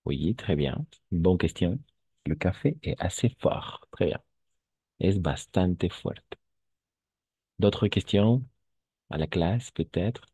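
A man's voice: low-pitched, lively intonation, takes it slowly, warm tone, husky, dry recording. A male French teacher giving an online class, patiently repeating words and switching into Spanish to explain them.

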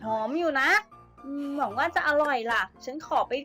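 Bossy nagging cartoon wife, very high voice, a woman doing it, music underneath. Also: normal speed, a bit bright. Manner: imperious, nagging commands. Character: bossy demanding wife, adult woman, lazy and domineering. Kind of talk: Thai fan dub of a game cartoon.

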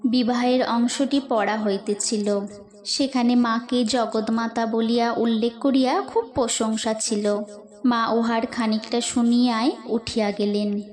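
Slow, reverent woman narrator. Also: fairly high pitch, darkish tone. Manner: measured, reverent reading in formal literary prose. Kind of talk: scripted narration of a devotional memoir.

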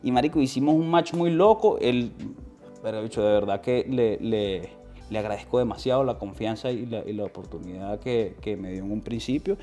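Speaking at a moderate pace in a warm, fairly low voice, this young guest from Venezuela tells slangy stories during a casual interview. He acts out quoted voices and restarts frequently, with a Venezuelan accent. He's on a sofa in a living room with a lapel mic, and soft music plays in the background.

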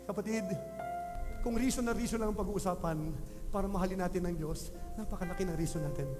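A male pastor preaching a sermon with passion, dropping to a hush and then building loud, calling his listeners beloved ones. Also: high voice, a little fast. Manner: impassioned preaching, swinging between hushed and rising loud; addresses the congregation often as beloved ones. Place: church hall. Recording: long hall reverb with music behind. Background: music playing.

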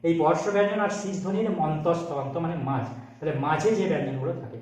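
Fast, high-voiced man teaching in echoey room. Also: lively intonation, darkish tone, recorded from a distance. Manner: explaining step by step, asking and answering his own questions. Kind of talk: Bengali grammar lesson.

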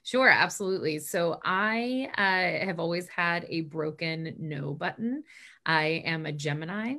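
Speaking through her laptop's webcam mic from a small bedroom, a chatty guest in her late thirties, who works as a stage manager and professor, talks about her job in a relaxed video-call interview. She's upbeat and rambling, with fillers and asides, lively intonation, a measured pace, and a sharp tone in a voice that sits low for a woman.

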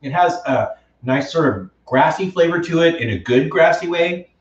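A man's voice: fairly high pitch, moderate pace. An enthusiastic man chats his way through a home cooking live stream, reading viewer comments aloud. He sits back from the mic in an echoey room, and the sound is dull and lo-fi. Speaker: cooking show host. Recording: roomy, distant, dull live-stream audio.

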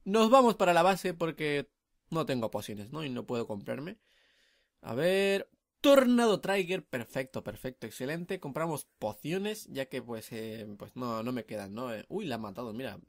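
A young man, chatting excitedly while commentating his own gameplay, full of tag questions. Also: mid-range voice, moderate pace, no echo. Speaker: gamer commentating his match.

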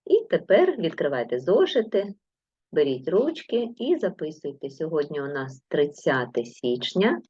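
Give me a patient, encouraging woman teacher with a low voice on a video lesson for young pupils. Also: sing-song, normal speed, dark tone, breathy edge, dry recording, dull audio. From Ukraine. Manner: patient, encouraging, with instructions to the class. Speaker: primary school teacher.

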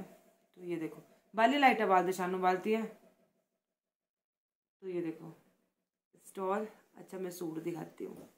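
A woman from Himachal Pradesh talking softly and chattily in a casual vlog, showing gifts and praising them again and again. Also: fairly low pitch. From Himachal Pradesh, India. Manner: chatty and affectionate, repeats words of praise; speaks softly, close to the mic. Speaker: vlogger.

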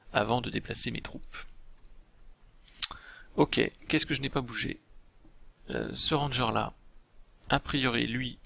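A man with a heavily gravelly, creaky voice talks through a strategy game as he plays. His tone is bright and forward, and he thinks aloud in a relaxed way, often pausing to hesitate. Mouse clicks tick along behind him. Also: medium pitch. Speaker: game video host. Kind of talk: casual gameplay commentary.

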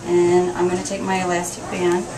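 A woman's voice: on the low side, monotone, normal speed, crowd noise, poor audio. A young woman hair stylist casually explaining a hairstyle step by step while doing her own hair in a salon. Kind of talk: hairstyling tutorial.

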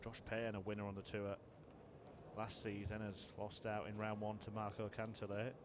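A man giving measured, understated and informative sports commentary on a darts match. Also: on the low side, monotone, background noise.

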